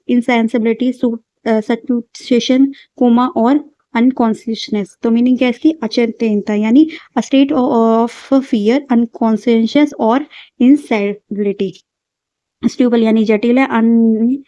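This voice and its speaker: A woman teaching vocabulary for exam prep, reading synonym lists aloud with halting restarts. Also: a little high, warm tone, dry recording. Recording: dull lo-fi sound.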